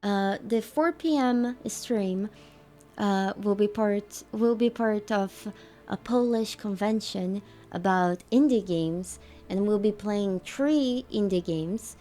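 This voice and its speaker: A woman's voice: mid-range voice, takes it slowly, warm tone, faint music behind. A woman livestreamer chatting casually with her viewers while gaming, thanking them and answering their questions.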